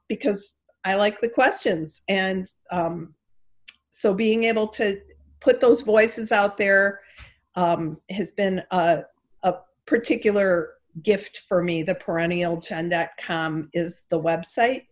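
A middle-aged woman with a Chicago accent, a guest author chatting casually in an interview and pausing often with "um". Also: mid-range voice. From Chicago area. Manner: relaxed, many "um" pauses.

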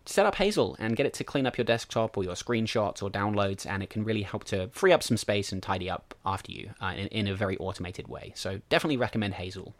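A man with a lowish voice talks through ideas on his own podcast, relaxed and casual, with fillers as he explains step by step. The sound is dry and close, with no room around it. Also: quick pace, hardly any pauses, dry recording. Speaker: podcast host. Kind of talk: solo podcast talk.

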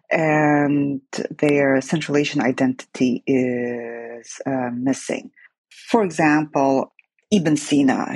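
A woman from Central Asia, a guest giving a measured, explanatory personal reflection. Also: a bass voice, a little mellow, slightly rough, no room sound. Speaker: network member guest.

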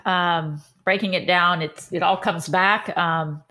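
Bright-voiced Texan woman telling stories. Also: fairly low pitch, slow pace. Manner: animated storytelling with many fillers. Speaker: triathlon coach and guest. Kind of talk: casual podcast conversation.

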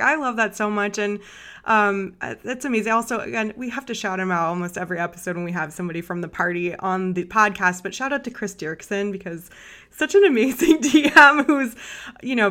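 Bright, gushing woman podcast host. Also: mid-range voice. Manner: gushing and enthusiastic. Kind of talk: casual podcast chat.

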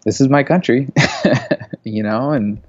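This interview guest, a media creative in his thirties born in Saudi Arabia and raised in the US, takes it slowly in a mid-range, darkish voice, chatting loosely with lots of "you know"s and "like"s in a casual setting. The sound is lo-fi with no echo.

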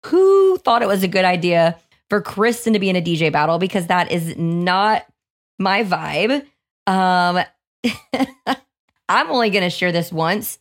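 A young woman hosting her own podcast in a hoarse voice, chatting casually and upbeat, often saying "like". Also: fairly low pitch. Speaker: podcast host.

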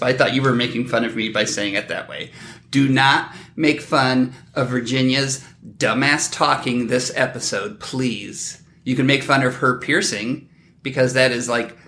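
A middle-aged man hosting a podcast with animated, joking, mock-defensive banter in a casual style. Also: medium pitch, echoey room, slight background noise. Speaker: podcast host.

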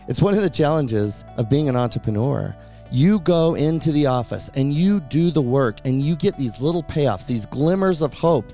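A man's voice: mid-range voice, warm tone. A male podcast host narrating a guest's story and reflecting on it. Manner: reflective, explanatory.

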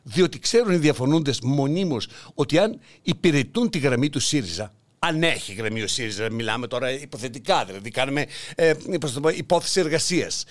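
A man's voice: mid-range voice, expressive. An older man hosting a satirical political monologue, mocking and theatrical, acting out voices as he goes. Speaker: podcast host.

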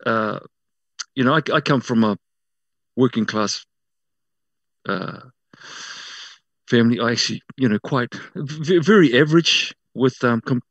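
A man's voice: medium pitch, unhurried, pauses often, fairly bright tone, no echo, lo-fi sound. A man with a New Zealand accent and a mid-range voice, recorded dry. He tells personal stories informally, stopping and rephrasing as he goes. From South Auckland, New Zealand. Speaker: interview guest working in media. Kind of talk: casual personal storytelling.

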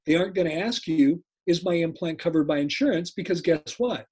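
A man in his sixties speaking conversationally as an interview guest and coach, deliberate and repeating key points. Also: fairly high pitch, darkish tone, breathy edge. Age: 60s. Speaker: podcast guest, dental practice coach.

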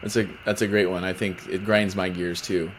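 A man's voice: sits low, flat delivery, moderate pace, a little hiss or hum. A man hosting a casual interview, upbeat and jokey, with plenty of fillers. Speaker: podcast host.

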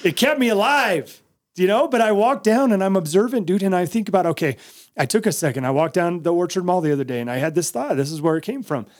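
A man's voice: high voice, lively intonation, quick pace, dry recording, studio quality. An American man co-hosting a podcast, giving his opinions in a casual, emphatic way and repeating his points. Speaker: podcast host.

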